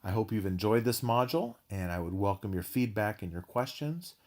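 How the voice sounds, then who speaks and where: A man with a fairly low voice walks through a music analysis in a recorded lecture. He speaks in a measured, academic way and drops in an occasional filler. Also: expressive, a little mellow.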